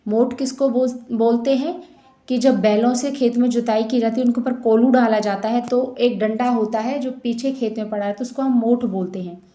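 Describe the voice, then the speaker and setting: Female Hindi teacher, fairly high voice, slow verse reading then plain explanation, online class. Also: steady tone, mellow. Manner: reads verses slowly, then paraphrases in plain words. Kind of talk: explaining a poem line by line.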